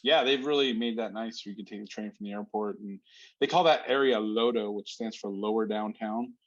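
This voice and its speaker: A man's voice: on the low side, fairly quick. Easygoing jokey man on dull lo-fi audio. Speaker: podcast guest, police commander and comedian. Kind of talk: casual podcast chat.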